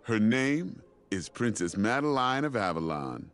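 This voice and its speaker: An actor playing a gruff, defensive male knight in a video game, blustering and touchy. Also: on the low side, very animated, a little slow.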